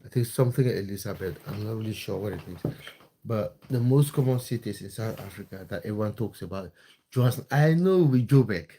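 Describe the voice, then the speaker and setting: With a fairly low, warm voice and lively intonation, a Cameroonian man who creates football content and hosts live streams briskly reads out viewer comments. He keeps things casual and friendly, peppered with fillers and restarts.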